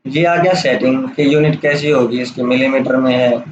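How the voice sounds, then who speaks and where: Guy explaining software stuff step by step, roomy dull lo-fi sound, bit of hiss. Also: medium pitch, moderate pace. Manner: casual, explains step by step with "theek hai" checks. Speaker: software tutor. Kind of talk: screen-recorded software tutorial.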